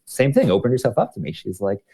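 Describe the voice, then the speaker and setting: A man's voice: medium pitch, wildly swooping pitch, fast talker, warm tone, slightly rough. A man telling personal stories in a rambling, casual way, full of fillers and restarts. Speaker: speaker in a live audio discussion.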